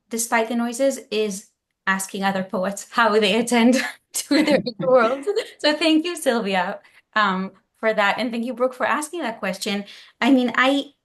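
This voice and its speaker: A woman poet on a panel, answering in a reflective, articulate way. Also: on the high side. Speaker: featured poet.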